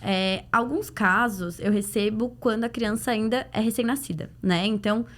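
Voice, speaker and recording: As a guest on a podcast, a woman who works as a pediatric dental clinician answers questions conversationally, using illustrative examples. She has a Brazilian Portuguese accent, a medium pitch, and a moderate pace.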